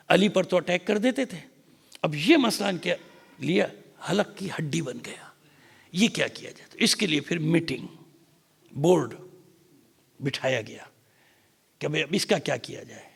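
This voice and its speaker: A Pakistani-accented man preaches a mourning sermon in a large mosque hall, his fairly high voice rough with gravel. He tells the story with drama, rising to loud cries and sinking to whispers. Long reverb trails behind every phrase. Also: animated, pauses often. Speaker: cleric.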